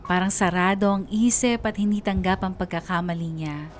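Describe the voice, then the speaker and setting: A woman's voice: mid-range voice, moderate pace, soft background music, lightly acted. A woman playing a hurt young letter writer who narrates a radio drama in a sorrowful, confessional way with a Filipino accent. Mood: pained. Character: hurt young woman recounting her betrayal.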